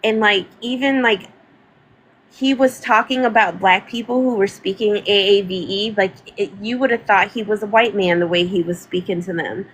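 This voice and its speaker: A woman's voice: mid-range voice, moderate pace, fairly bright tone, breathy edge, low-quality recording. A woman, talking casually and emphatically on a livestream, repeating words for stress. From North Carolina, US. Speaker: livestream host.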